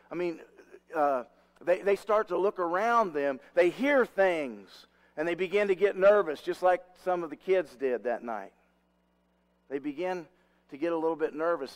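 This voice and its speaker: A man preaching a sermon in a relaxed, rambling way, with many restarts and side stories. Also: on the high side.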